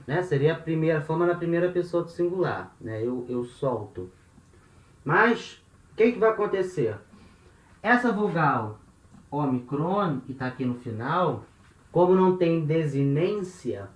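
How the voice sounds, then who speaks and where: Man teaching step by step, echoey room. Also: fairly high pitch. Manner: explaining step by step, with frequent checks like "né?" and "tá?". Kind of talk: online language lesson.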